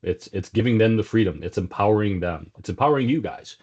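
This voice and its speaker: A man's voice: fairly low pitch, lively intonation, quick pace, a little mellow, breathy edge. A middle-aged man from South Africa with a South African accent and a slight Texas twang, talking as a guest in a casual business interview, with plenty of fillers and restarts. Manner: conversational, many fillers and restarts. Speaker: sales executive guest. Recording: dull lo-fi sound.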